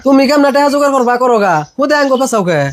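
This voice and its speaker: A man acting an excitable, timid village farmer in a comedy drama, indignant and quick. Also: extremely high pitch, heavy background noise. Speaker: neighboring farmer.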